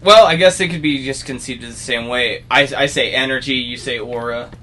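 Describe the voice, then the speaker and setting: A man's voice: medium pitch, fairly quick, crowd noise. A man co-hosting a podcast, trading loose, joking banter in casual chat.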